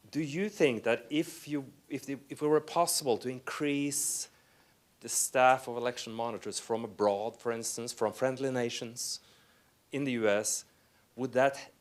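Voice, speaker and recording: A man in the audience asking the panel a question, with restarts along the way. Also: medium pitch. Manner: rambling, restarts. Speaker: audience member. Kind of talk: question from the floor.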